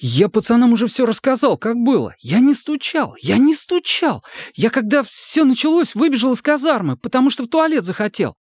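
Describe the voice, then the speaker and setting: In a studio-quality recording with no room sound, a man uses a very high, sing-song, pushed-up voice to play a frightened young male army recruit. The heavily acted performance has him squealing and pleading breathlessly, talking fast in panic.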